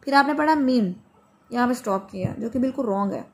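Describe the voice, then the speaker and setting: A woman teaching Quran recitation in an online class. She patiently corrects a student and slows right down to model each phrase. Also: a little high, darkish tone.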